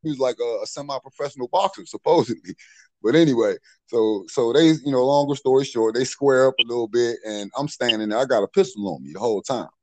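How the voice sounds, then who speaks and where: A man's voice: mid-range voice, quick pace, no echo, poor audio. A middle-aged man telling street stories in a casual, profane way, full of "you know what I'm saying.". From Maryland, USA. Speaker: podcast storyteller.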